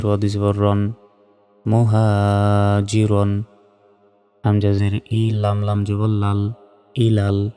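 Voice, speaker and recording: A man's voice: on the low side, dark tone, smooth, big-room sound. A man teaching Quran reading, spelling each letter and syllable aloud and then chanting the joined word.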